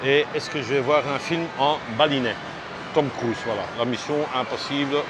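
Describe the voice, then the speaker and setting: Man, travel vlog, casual and rambling, fillers and restarts, mid-pitched voice, street noise behind. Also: normal speed. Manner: chatty and direct, addressing viewers. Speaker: travel vlogger. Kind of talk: casual walking vlog talk. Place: outdoors on a busy seaside street.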